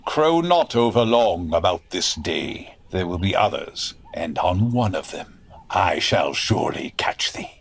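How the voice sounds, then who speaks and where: A man's voice: low voice, sing-song, measured pace, vocal fry, husky, full character voice. A man playing a haughty, blustering villainous sheriff in a comedic audio drama, speaking in pompous archaic English with threats. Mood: menacing, haughty.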